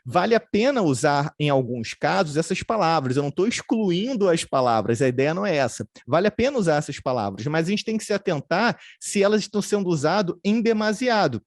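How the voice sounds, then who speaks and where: A man's voice: fairly high pitch, expressive, fairly quick, hardly any pauses, no room sound, studio quality. A man giving a remote training lecture on customer service. He explains step by step and often adds tag questions.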